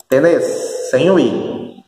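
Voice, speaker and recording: A man with a Brazilian northeastern accent teaching a recorded class, speaking slowly and patiently, often checking that students follow. His voice sits a bit high for a man. It is heard from some distance in a bare room with a long, ringing reverb. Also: mellow. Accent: Brazilian Portuguese, northeastern. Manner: slow, explanatory, checks understanding with frequent tag questions. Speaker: Spanish teacher. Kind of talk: recorded remote class lesson. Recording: echoey room, voice far from the mic.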